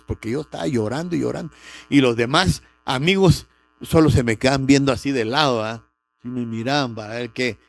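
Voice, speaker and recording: A man's voice: medium pitch, vocal fry. A middle-aged man, preaching a sermon with a personal testimony and rising sharply on key words. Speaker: pastor.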